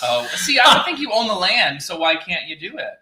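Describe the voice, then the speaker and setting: Quick, sharp-voiced man with teasing asides. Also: high-pitched, very animated, slight background noise. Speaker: co-host of a live stream. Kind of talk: casual chat with teasing asides. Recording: roomy, echoing live-stream sound.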